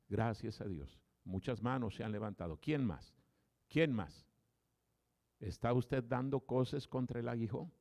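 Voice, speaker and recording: Man, pastor, sermon, gravelly, medium pitch, impassioned. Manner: impassioned, swinging from loud appeals to hushed prayer. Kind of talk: evangelical sermon and altar call.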